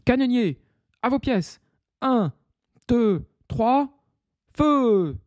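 A man voicing a boastful, gruff one-eyed pirate captain who barks orders in a storybook reading. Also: a little high, lively intonation, moderate pace, no echo, clean studio sound, natural voice. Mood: commanding. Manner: loud barked commands.

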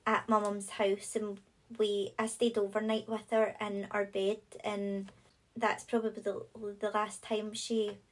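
A woman's voice: medium pitch, little pitch movement, measured pace, rough recording. A woman hosting a podcast, talking in a friendly, casual way with lots of short agreeing replies. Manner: friendly, with many short back-channel replies. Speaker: podcast host.

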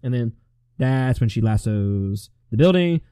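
A man talks through a movie review in a laid-back, opinionated way, often restarting his sentences. His voice sits at an ordinary middle pitch. The sound is close and dry, with no room around it. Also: a little slow, clear, resonant tone, no echo. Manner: relaxed, opinionated, stumbles into restarts. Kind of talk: casual review chat.

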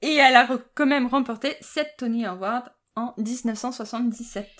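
A woman's voice: a little high, fairly even intonation, moderate pace, fairly bright tone. A woman hosting a casual podcast chat, often tripping over words, correcting herself and laughing. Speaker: podcast host.

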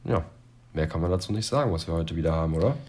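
A young man co-hosting a casual podcast, relaxed and orderly, with hesitant fillers. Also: sits low, rapid-fire. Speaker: podcast co-host. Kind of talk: casual chat.

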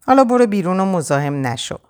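A woman's voice: on the low side, sing-song, pitched above the performer's own voice. A woman voicing a young husband who answers his joking brother with light amusement. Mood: amused.

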